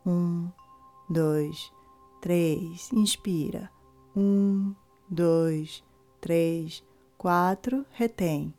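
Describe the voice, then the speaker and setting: A woman instructor leading a guided breathing meditation, slowly counting breaths with pauses between the numbers. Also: lowish voice, dark tone. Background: music.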